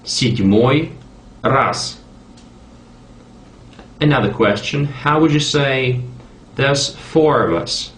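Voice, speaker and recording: A man teaching a language lesson online, repeating each phrase slowly so learners can follow. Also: medium pitch, a bit bright. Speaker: online Russian tutor. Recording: echoey room with faint background hum.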